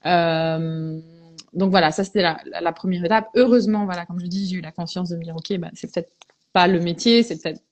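A woman's voice: on the low side, fairly even intonation, fairly quick, a little hiss or hum. A woman from Belgium, a veterinarian guest, tells her story in a reflective, hesitant way in a casual podcast interview.

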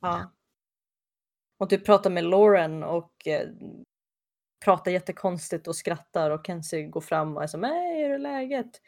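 A woman casually recapping a TV episode, animated and jumping into quick comic voices for the characters. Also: lowish voice, gravelly.

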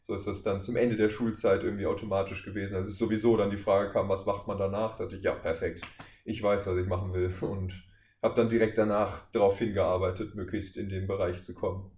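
He talks fast in a low, a little mellow voice with a level tone: a twenty-something voice actor from Wuppertal, Germany, guesting on a podcast with a jokey, self-mocking manner. The room he shares with the hosts adds a roomy echo and faint background noise.

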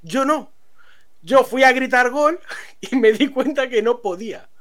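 A man tells a story to friends on a stream. He is animated and laughs often as the tale unfolds. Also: very high-pitched, unhurried.

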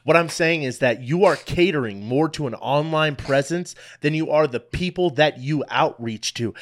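A man's voice: fairly high pitch, fairly bright tone. A man speaking bluntly and emphatically in slangy, casual, heated commentary. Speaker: panelist giving a pastor's opinion.

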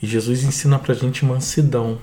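Mellow-voiced Brazilian man on faith. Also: mid-range voice, a little fast, a little hiss or hum. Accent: Brazilian Portuguese. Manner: calm, explanatory, adds to his co-host. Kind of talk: devotional teaching talk.

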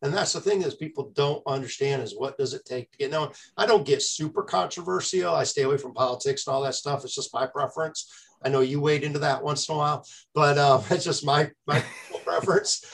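A man hosts a casual podcast interview, talking conversationally with frequent stammered restarts. His voice is a little high and gravelly, fairly bright in tone, and fairly quick.

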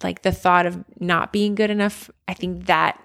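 In a reflective, conversational interview, a former basketball player in her forties from near Philadelphia speaks as a guest. Her voice sits fairly low and level, with a moderate pace, some creak, and a slightly bright edge. She comes across as earnest and candid, her speech full of fillers and restarts.

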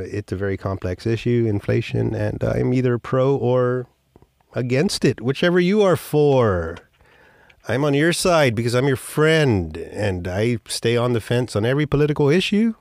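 Casual, swearing podcast host. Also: male voice, mid-range voice, a little mellow, no room sound, clean studio sound. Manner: rambling, sprinkled with swearing and offhand jokes. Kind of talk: casual storytelling monologue.

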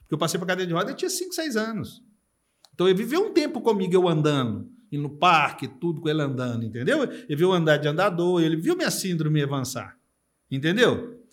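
A middle-aged Brazilian man tells his own story in a casual podcast chat, talking fast in a fairly high, sing-song voice. He's emphatic, tacks "you know?" onto his points, and uses fillers like "cara" and "entendeu."

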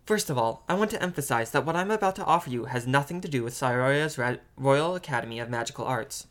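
A man's voice: medium pitch, expressive, quick pace, natural voice. A man voicing a cautious, businesslike woman teacher, near his own reading voice. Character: brisk, careful woman teacher.

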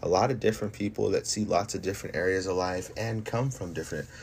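Cocky, deep-voiced man boasting over background noise. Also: fast talker, a little mellow. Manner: cocky, boastful, emphatic repetition; casual swearing, slangy. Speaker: fighter. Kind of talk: casual livestream monologue.

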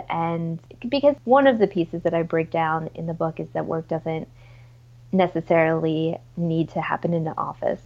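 A woman's voice: fairly low pitch, lo-fi sound. A woman chatting casually as a podcast guest, informal and enthusiastic, with plenty of "like" and "you know". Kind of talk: casual, chatty interview conversation.

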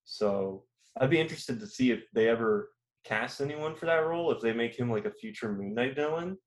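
A man's voice: medium pitch, animated, a little fast. A man co-hosting a podcast, talking casually in long rambling turns with many fillers and restarts. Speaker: podcast co-host. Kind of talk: casual chat.

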